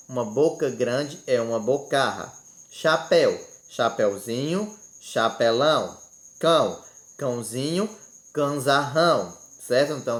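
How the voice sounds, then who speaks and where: A man teaching a remote lesson, listing words in a didactic way and checking in with the class after each point. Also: medium pitch. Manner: didactic, ends phrases with "certo?". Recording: roomy echo.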